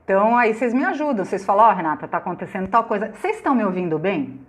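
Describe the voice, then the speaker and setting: A middle-aged Brazilian woman hosting a casual live stream from her phone, loud and chatty, greeting viewers by name and laughing often. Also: medium pitch, animated, rapid-fire. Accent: Brazilian Portuguese. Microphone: phone on laptop.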